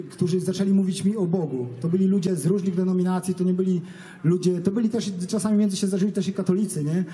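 Man sharing a nervous spoken testimony, high for his sex, fast. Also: warm tone. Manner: earnest, halting, with many restarts and fillers. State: nervous, stage fright. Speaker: person giving a religious testimony. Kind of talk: spoken personal testimony to an audience.

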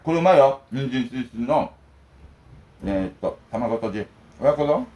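A man's voice: mid-range voice, lively intonation, normal speed, muffled recording. A middle-aged man from Okinawa, hosting a food vlog and chatting casually while eating, telling wandering, jokey stories.

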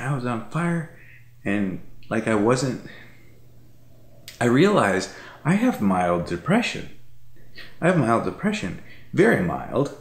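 Gravelly and on the low side, this man's voice sounds reverberant as he chats casually from his living room couch at night. He's a vlogger in his thirties who rambles, repeats himself, and leans on lots of fillers.

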